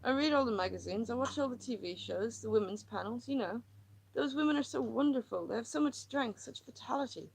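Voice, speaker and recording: A woman's voice: fairly quick, gravelly, a little hiss or hum, rough recording. A woman voicing a frantic rambling housewife. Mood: eager. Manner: rambling, pleading, voice climbing high. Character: anxious troubled housewife, rambling and wounded.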